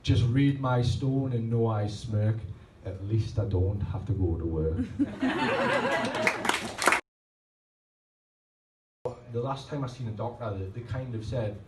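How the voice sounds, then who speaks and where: He's in his 30s, speaking slowly with huge pitch swings in a medium voice against a noisy background. Between rhythmic, rhymed poems at a pub poetry night, he drifts into chatty, self-deprecating rambles, and the live recording from the function room sounds roomy and distant with faint ambience.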